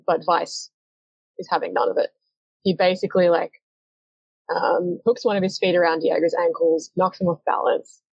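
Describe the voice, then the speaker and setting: Gravelly-voiced woman narrating a story game. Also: fairly low pitch, a little mellow, no room sound. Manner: chatty, filler-heavy, hesitant. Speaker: game master. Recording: dull, lo-fi and dry.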